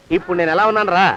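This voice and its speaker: An actor playing a blustering, vain, middle-aged master who bosses everyone around in a film comedy. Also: male voice, sits high. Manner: blustering, excitable, bossy. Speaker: comic lead in a film scene. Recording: dull dry film audio.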